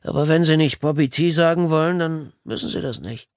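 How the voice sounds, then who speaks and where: A man's voice: fairly high pitch, fairly quick, dry recording, studio quality, pitched above the performer's own voice, lightly acted. A man voicing a gaunt, earnest visitor who asks for help for his sister, speaking tersely and stubbornly.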